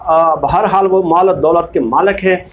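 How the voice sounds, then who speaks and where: Speaking at normal speed in a voice on the high side, a man with a Pakistani accent hosts a political commentary video. His informal delivery is emphatic, with phrases repeated for weight as he reads book excerpts.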